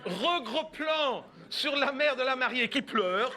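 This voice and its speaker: A man's voice: very high voice, lively intonation, slow pace, noisy background. A man performing a stand-up comedy routine, telling a story and acting out the people in it with shifts of voice.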